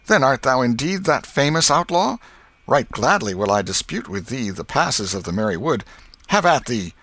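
A man's voice: medium pitch, big pitch swings, normal speed, a bit bright, no echo, pitched above the performer's own voice. A man reading aloud and voicing a stubborn boy who plays a rival knight, defiant and indignant. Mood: theatrical. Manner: defiant, indignant, mock-old-fashioned talk.

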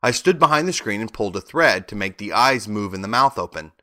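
A man's voice: fairly low pitch, lively intonation, brisk, bright, forceful tone, no room sound, studio quality. A man voicing a meek little old fraud of a wizard in a storybook, nervous and pleading in a trembling voice. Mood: sheepish, explaining.

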